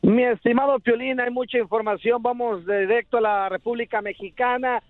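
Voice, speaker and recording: High-voiced news man over phone. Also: steady tone, moderate pace, dry recording, soft background music. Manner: formal and fluent. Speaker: news correspondent. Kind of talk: news report on radio. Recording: tinny phone line.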